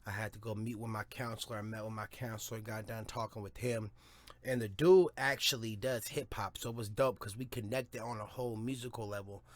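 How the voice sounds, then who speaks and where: Brief: guy, low voice, swears constantly, rambles and repeats himself as a casual podcast host. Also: fairly even intonation, brisk, no echo. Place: home studio or car, smoking a blunt.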